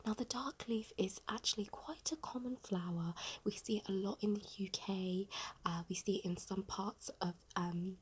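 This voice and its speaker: A British woman in a breathy, close-up whispered role-play, doing fast aggressive ASMR and rambling with rapidly repeated short phrases. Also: mid-range voice. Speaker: ASMR creator. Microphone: very close microphone.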